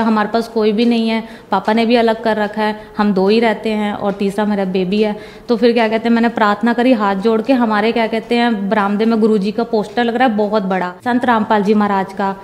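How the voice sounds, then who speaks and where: A woman's voice: fairly high pitch, little pitch movement, a little fast, a little mellow, big-room sound. A young woman giving a personal testimony, retelling conversations at length and repeating "I said".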